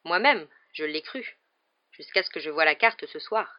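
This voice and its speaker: A woman voicing a calm, earnest male teacher who explains patiently, in a storybook reading. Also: sits low, normal speed, lo-fi sound.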